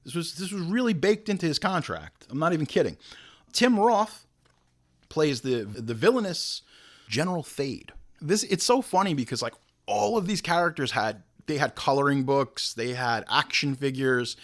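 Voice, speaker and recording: Lively, animated male movie host. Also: fairly high pitch, moderate pace. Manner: animated storyteller, jokey asides. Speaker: show host. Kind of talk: casual film history commentary.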